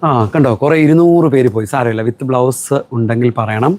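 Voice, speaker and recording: A man's voice: medium pitch, fairly quick, darkish tone, no room sound. A middle-aged man from Kerala, a shop owner chatting through a live sales stream and answering viewer comments. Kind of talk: live-stream product selling.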